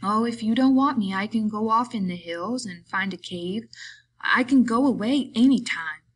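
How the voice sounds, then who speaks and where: A woman's voice: a little high, moderate pace, breathy edge, pitched above the performer's own voice. A woman voicing a simple-minded, childlike grown man who speaks in a plaintive, pleading rural way. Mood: wheedling.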